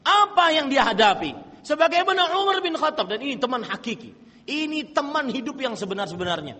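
High-voiced man preaching in an echoing hall. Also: big pitch swings, a little fast. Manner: impassioned, swings from loud to soft, chants Arabic quotes. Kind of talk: sermon. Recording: long hall reverb.

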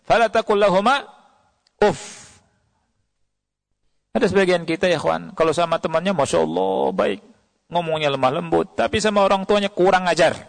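A man's voice: fairly high pitch, fast talker, vocal fry. A man preaching a sermon, reciting Arabic verses and asking the audience questions. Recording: long hall reverb.

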